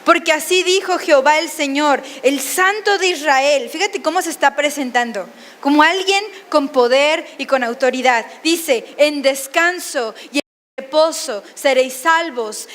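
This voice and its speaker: Woman preaching an animated sermon. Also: high-pitched, long reverb tail. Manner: animated, questioning the congregation.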